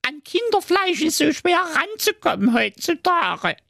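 A man voicing a tearful old witch who pleads slowly and whines. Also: very high voice, sing-song, gravelly, bright, forceful tone, no room sound, studio quality, pitched above the performer's own voice, exaggerated voice. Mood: pleading. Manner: slow, whiny, pleading. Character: tearful confessing old witch, restaurant owner.

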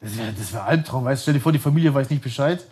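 A man's voice: medium pitch, very fast, darkish tone, breathy edge. A man in his thirties, a podcast guest telling long stories in a rambling, casual way, often laughing and correcting himself. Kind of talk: casual storytelling.

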